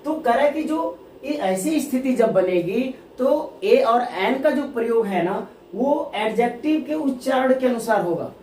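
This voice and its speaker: Woman teacher, a bit high-pitched, self-answered questions, echoey room, distant mic, faint hiss. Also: lively intonation, darkish tone. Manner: asks and answers her own questions, repeats key terms; reads example sentences slowly. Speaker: English grammar teacher. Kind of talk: classroom-style grammar lesson.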